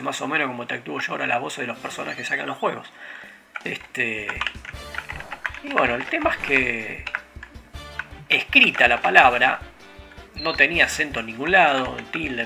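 A man's voice: mid-range voice, gravelly, sharp tone. A man with a Rioplatense Spanish accent giving casual, digressive gameplay commentary full of fillers. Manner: rambling, digressive storytelling with frequent fillers. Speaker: let's play host. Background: video game music.

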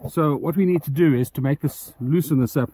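A man's voice: a little high, brisk, warm tone, a little hiss or hum. A man walking through his homemade solar panel mount outdoors, rambling with many ums and restarts, a bit out of breath. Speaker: DIY solar channel host. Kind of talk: casual walkthrough vlog.

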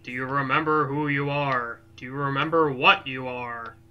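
A man's voice: medium pitch, steady tone, normal speed, dull audio, slight background noise, lightly acted. A man reading a solemn ancient goddess. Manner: solemn, formal speech.

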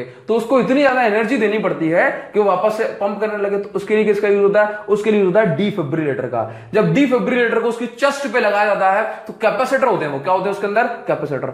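A man's voice: high-pitched, reverberant. A man teaching physics in a classroom lecture, asking questions and answering them himself.

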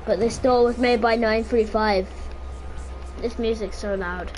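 A woman's voice: on the high side, steady tone, unhurried, a little mellow, a little hiss or hum. A woman giving casual gameplay commentary, chatty and joking, talking to herself while she plays. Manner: chatty, joking, talks to self while playing. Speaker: gamer.

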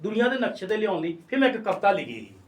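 A man's voice: high-pitched, very animated, rapid-fire, far from the mic. A man in his sixties, a poet, telling stories in a casual interview and acting out the voices of people he quotes. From Punjab, India. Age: 60s. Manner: storytelling, acts out quoted voices.

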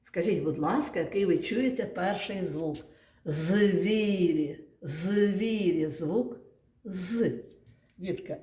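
A woman's voice: on the low side, a little mellow. A woman teaching young children in a classroom, patiently stretching words into their syllables and sounds and praising often. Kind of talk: classroom lesson. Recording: echoey classroom.

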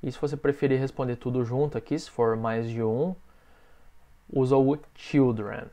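A man with a Brazilian Portuguese accent teaching a beginners' English lesson, patiently drilling phrases and saying each model sentence slowly. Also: mid-range voice, steady tone, dark tone.

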